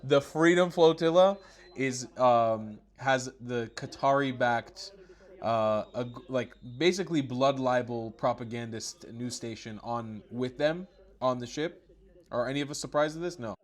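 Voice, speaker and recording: A man at an ordinary mid pitch runs his own commentary channel. He mocks what he shows, breaks into laughter and curses loosely, like a host riffing for his regulars. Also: a little slow. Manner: sarcastic, laughing, swearing. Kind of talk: casual mocking commentary.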